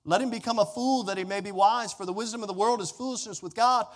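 A high-pitched, fast-talking man preaches as a pastor to a gathered congregation. His sermon is emphatic, with folksy direct address and phrases repeated, delivered in a large indoor room whose hall echoes long and reverberantly.

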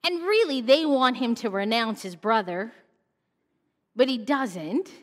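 Woman preacher, high voice, lively storytelling, long church-hall echo. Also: unhurried. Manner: animated storytelling, acts out mocking voices, drops to a hush for solemn moments. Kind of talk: sermon.

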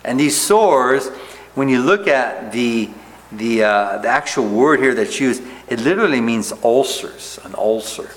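A man's voice: mid-range voice, animated, measured pace, slight background noise. Guy pastor teaching bible verse by verse, chatty, lots of "right?", middle voice, big echoey church. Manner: conversational, keeps asking "right?" and "okay?".

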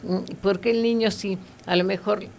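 A woman's voice: medium pitch, steady tone, normal speed, a little mellow, slight background noise. A woman giving earnest, conversational Bible teaching, with fillers and tag questions.

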